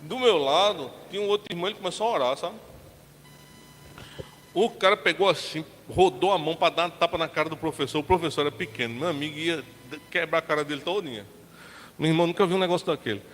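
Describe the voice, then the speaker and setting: A man's voice: fairly high pitch, fast talker, a bit bright. A man from Brazil, a pastor, preaching a sermon in a colloquial, chatty storytelling manner, acting out the people in his story. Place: church sanctuary. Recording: long church hall reverb, faint background hiss.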